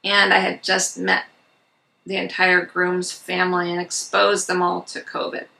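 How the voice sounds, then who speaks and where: A woman's voice: lowish voice, completely flat delivery, unhurried, gravelly, pushed and bright. A middle-aged woman telling a personal story in a casual, earnest and candid way, as a vlogger. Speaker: vlogger recounting RV life. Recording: slightly distant mic, music underneath.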